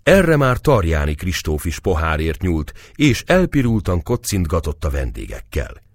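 Male audiobook narrator, deep and very expressive, dry close sound. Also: dry recording. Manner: acts out the dialogue with raised voice. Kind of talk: audiobook narration of a historical novel.

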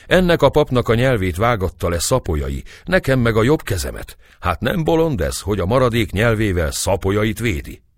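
A man voicing a hot-tempered old nobleman who shouts and rages in a storybook reading. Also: lowish voice, sing-song, no room sound, clean studio sound, voice pushed up. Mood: grumbling. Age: older. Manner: shouting, bitter, blustering.

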